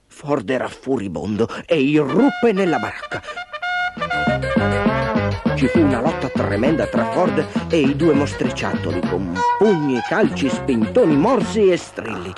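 Guy reading a kids story, voice swoops all over, music playing under it. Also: mid-range voice. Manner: expressive storytelling, lively delivery. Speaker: narrator. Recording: soft background music.

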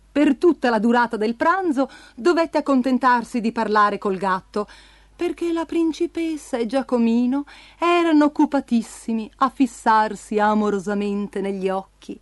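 A woman reading a fairy tale aloud in an animated, sing-song storytelling manner. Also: sits high, dry recording.

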